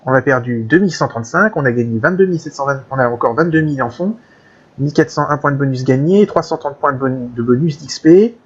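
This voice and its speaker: A man's voice: mid-range voice, quick pace, breathy edge. A man giving casual, chatty commentary on a video game and thinking aloud in asides. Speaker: let's play gamer. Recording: dull lo-fi with faint game music.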